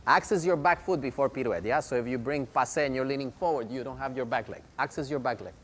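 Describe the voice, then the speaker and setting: A man's voice: medium pitch, quick pace. A man teaching a ballet class, giving firm, rhythmic counts and clipped commands. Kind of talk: instructing a ballet class, short counted cues. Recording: loud piano over the voice. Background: ballet class piano accompaniment.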